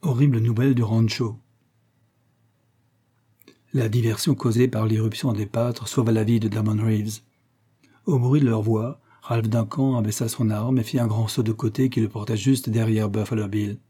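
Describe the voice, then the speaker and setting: A man giving a measured, scripted narration of an adventure novel as an audiobook reader. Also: lowish voice, fairly even intonation, mellow, husky.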